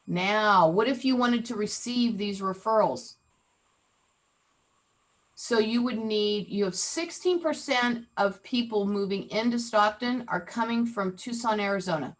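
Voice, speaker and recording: This woman speaks a little slowly in a mid-range voice, and the recording quality is low. She leads a real estate training over video call, joking with participants and frequently quizzing them.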